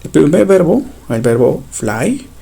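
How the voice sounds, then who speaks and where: Male teacher, mellow dark tone, explains step by step and repeats himself. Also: fairly high pitch, big pitch swings, gravelly, husky. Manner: slow, patient, repeats key points. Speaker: English teacher. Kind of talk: explaining grammar to students.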